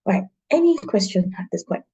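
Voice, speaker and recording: Husky woman hosting with many fillers. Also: medium pitch, sing-song, warm tone, poor audio. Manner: halting, many fillers and restarts. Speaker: event host. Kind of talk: hosting an online launch meeting.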